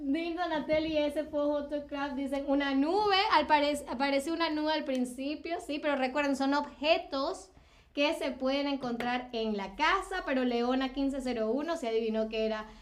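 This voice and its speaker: A woman's voice: high voice, moderate pace. A Venezuelan woman hosting a drawing quiz in a language lesson, encouraging and full of affirmations. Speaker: host.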